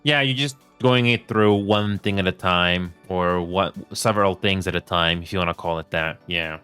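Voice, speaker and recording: A man hosting a live stream, chatting casually with halting, filler-heavy speech and greeting viewers. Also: deep voice, pushed and bright, clean tone, soft background music. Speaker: livestream host. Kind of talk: casual chat.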